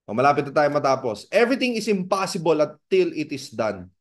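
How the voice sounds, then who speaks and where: A man from the Philippines giving a motivational seminar talk as a business mentor, animated and asking the audience rhetorical questions. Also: fairly high pitch, fairly quick. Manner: animated, acts out dialogues in raised voices.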